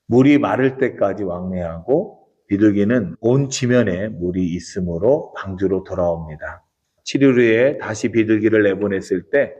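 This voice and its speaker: A man pastor delivering a dawn prayer service sermon with a measured, earnest preaching cadence. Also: fairly low pitch, darkish tone, lo-fi sound. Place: church sanctuary.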